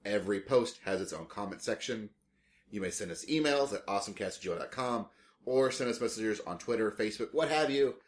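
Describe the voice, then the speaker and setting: A man's voice: fairly low pitch, animated, a little fast. A man co-hosting a casual podcast, talking loosely with frequent restarts and fillers. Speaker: podcast co-host. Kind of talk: casual chat.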